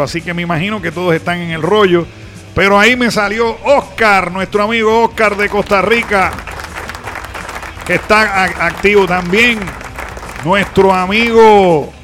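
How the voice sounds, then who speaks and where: Male radio host, Caribbean Spanish accent, high sharp voice, conversational and direct to the audience. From Caribbean island. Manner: explanatory, conversational, addressing listeners directly. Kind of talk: casual live rock radio show chat, announcing and greeting listeners.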